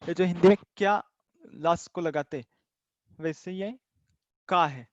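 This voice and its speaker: A man's voice: high-pitched, unhurried, no echo. A male language teacher in an online class who patiently repeats each word and explains it in two languages, over a video call. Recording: dull video-call audio.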